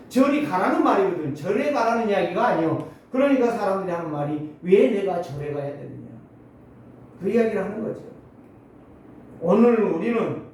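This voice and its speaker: A man in his sixties preaching a Sunday sermon, swinging between loud exclamations and low asides. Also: slight background noise. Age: 60s. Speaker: pastor. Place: church sanctuary. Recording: very echoey hall, mic at a distance.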